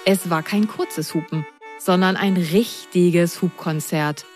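A woman's voice: fairly low pitch, takes it slowly. A woman reading a children's story. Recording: dry close voice, faint music.

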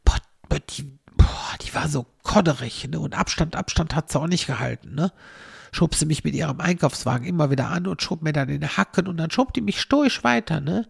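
Gravelly-voiced chatty woman. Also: deep voice, expressive, a little fast, no room sound, studio quality. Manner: chatty, tags almost every sentence with a questioning "ne". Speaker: comic storyteller. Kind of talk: rambling comic monologue.

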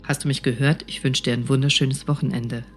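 A woman voicing a gravely ill older man who speaks softly, calmly and seriously. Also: medium pitch, fairly quick, soft background music, voice pushed down, close to an everyday voice. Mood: gentle. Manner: soft, calm and serious.

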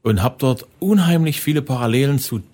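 A man interviewing a guest, asking thoughtful, measured questions. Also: medium pitch, warm tone. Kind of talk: conversational interview.

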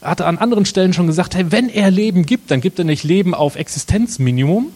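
Husky-voiced man preaching a sermon. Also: high-pitched, animated, a little mellow. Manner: dramatic pauses, slow emphatic phrasing. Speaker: pastor.

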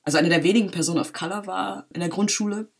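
Lively young woman, laughing guest. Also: lowish voice, racing, vocal fry. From Berlin, Germany. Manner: lively, laughs often, many fillers. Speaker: guest, filmmaker. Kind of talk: casual interview conversation.

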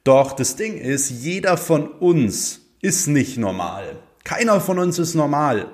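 A man's voice: fairly high pitch, big pitch swings, slow. Young man giving a casual motivational talk. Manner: conversational, many fillers, rising emphasis on key points. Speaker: motivational speaker. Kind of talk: casual motivational monologue to viewers.

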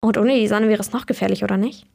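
A woman's voice: medium pitch, fairly even intonation, fast talker, creaky, mellow. A young woman reading as a blunt cheerful teen girl. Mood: frank. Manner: frank, upbeat.

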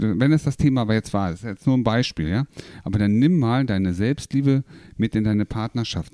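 A man's voice: medium pitch, mellow, no echo, clean studio sound. A man coaching a listener, explaining with examples, rhetorical questions and frequent tag questions. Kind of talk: coaching talk in a podcast.

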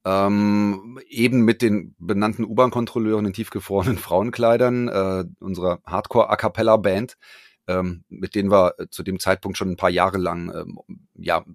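A man, a performer answering interview questions over a remote call, relaxed and hesitant with many fillers. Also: deep voice, moderate pace, no room sound, studio quality. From Frankfurt, Germany. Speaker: guest, a cappella performer. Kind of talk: casual interview.

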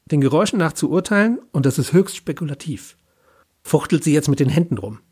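A man's voice: on the high side, expressive, fairly quick, darkish tone, breathy edge. A man narrating a first-person story in a wry, speculative way.

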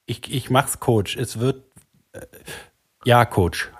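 A man's voice: mid-range voice, slow, slightly rough. A man co-hosting a podcast, playing a nervous trainee in a comedy bit, stammering and flustered. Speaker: podcast co-host.

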